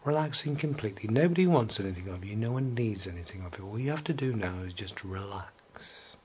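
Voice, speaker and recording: Male relaxation guide, low soothing voice with whispered passages, faint background hum. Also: expressive. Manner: slow, soothing, drifting into soft whispers.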